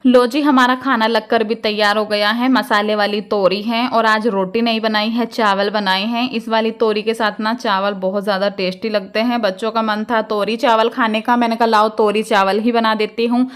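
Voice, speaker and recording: A woman from India in her thirties talks casually to her viewers as a home vlogger, pitched a touch high. Her chatty, homely flow keeps addressing the audience directly. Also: level tone, normal speed, hardly any pauses, a bit bright, clear, resonant tone.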